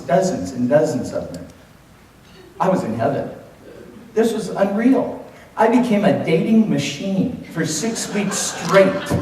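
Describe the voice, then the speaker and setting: Delivering a humorous contest speech, a fifty-year-old Los Angeles man with a Californian accent performs theatrically, leaning on dramatic pauses and emphasis. His voice sits high with a darkish tone, and the indoor contest room, audience present, sounds echoey and distant with faint noise.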